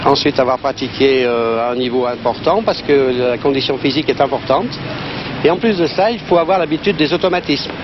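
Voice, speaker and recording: A male coach answers interview questions methodically, laying things out point by point. The recording is muffled old outdoor news footage, with clear traffic noise behind him. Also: medium pitch, brisk.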